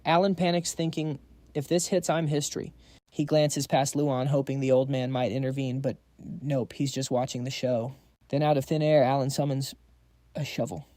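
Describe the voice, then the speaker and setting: A man's voice: medium pitch, fairly even intonation, normal speed, mellow, no echo. A man narrating a scripted story recap, dropping quips to the audience.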